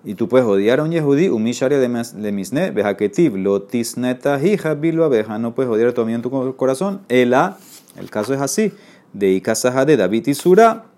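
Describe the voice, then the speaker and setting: A man's voice: mid-range voice, expressive, fairly quick, warm tone. A man teaching a Talmud class, reading Aramaic and explaining it in Spanish, often checking with his listeners. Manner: reads Aramaic then explains in Spanish, asks "¿ok?".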